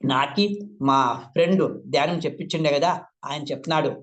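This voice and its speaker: A man's voice: a little high, steady tone, brisk, a bit bright. Older man, emotional meditation testimony. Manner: emotional, repeats words, voice rises when quoting others. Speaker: meditation teacher sharing his experience. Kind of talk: personal testimony talk.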